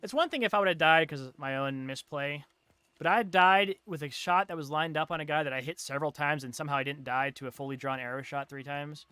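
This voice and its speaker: A man's voice: on the high side, brisk, bright, forceful tone, smooth. Fired-up young man ranting on stream. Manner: frustrated ranting, swearing, outbursts. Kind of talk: live game stream commentary.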